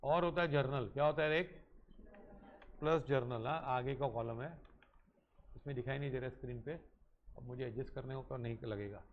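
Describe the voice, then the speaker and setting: A man's voice: mid-range voice, moderate pace, long pauses, muffled recording, slight background noise. A man teaching a commerce class. He asks questions and answers them himself, and he mixes English terms into his Hindi. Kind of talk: classroom lecture.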